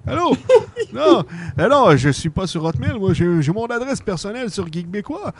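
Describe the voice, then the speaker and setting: A man's voice: sits high, very animated, normal speed, voice pushed up, exaggerated voice. A man with a Québécois accent playing a jolly old Santa Claus who teases and laughs heartily. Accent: Québécois French. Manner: hearty ho-ho laughs, playful teasing.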